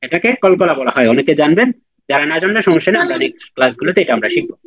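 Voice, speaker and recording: A man's voice: a little high, lively intonation, racing, no room sound. Patient male Quran teacher, dull audio. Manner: patient, repeats and drills with students. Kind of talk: online class lesson.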